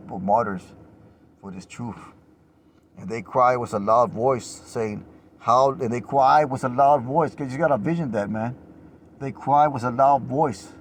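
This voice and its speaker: A man giving an informal sermon. He reads scripture aloud and rises to loud, passionate cries on the refrains, swearing casually and filling his lines with "man" and "you know.". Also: mid-range voice, a little hiss or hum. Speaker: preacher.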